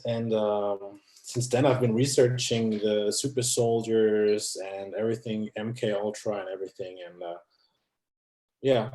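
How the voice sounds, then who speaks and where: A French man in his thirties, a non-native English speaker, appears as a guest in a conversational interview, speaking hesitantly with many restarts. His voice is on the low side and warm, and it sounds reverberant.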